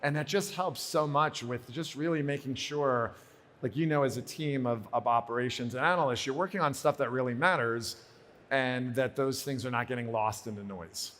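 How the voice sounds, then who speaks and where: A man speaks as a panelist at a roundtable, casual and animated. He often slips into quoted back-and-forth dialogue. His pitch sits at an ordinary middle level. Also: normal speed, in a large hall. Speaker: panelist, business operations leader. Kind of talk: conference roundtable discussion.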